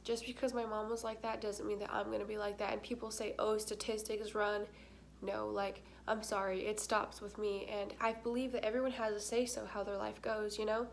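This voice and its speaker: A woman's voice: medium pitch, level tone, brisk, creaky, hardly any pauses, slight background noise. A young woman talking candidly to her camera, with a congested nose and short of breath, filling her talk with "like". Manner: chatty, candid, many fillers, stuffy-nosed. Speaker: vlogger.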